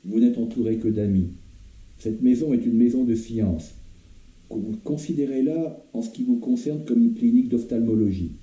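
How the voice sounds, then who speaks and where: A man reading a calm, reassuring young doctor. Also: mid-range voice, moderate pace, close to an everyday voice. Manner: soothing, solemn, courteous. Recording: roomy, dull lo-fi recording.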